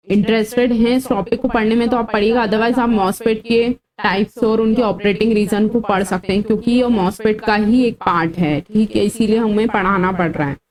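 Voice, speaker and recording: A woman's voice: on the high side, rough recording. A woman teaching an exam-prep engineering lecture, explaining formulas step by step and telling students what to memorize. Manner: explanatory, drills formulas to memorize, mixes English terms; scolding students about comments. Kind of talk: online lecture.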